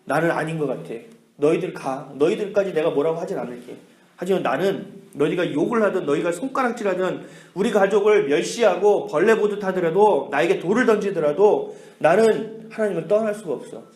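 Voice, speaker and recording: Stubborn faithful villager, as a preacher acts him out. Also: male voice, high-pitched, brisk, a little mellow, echoey room, close to an everyday voice. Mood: resolute. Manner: pleading but firm. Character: stubborn faithful villager man refusing to follow the crowd.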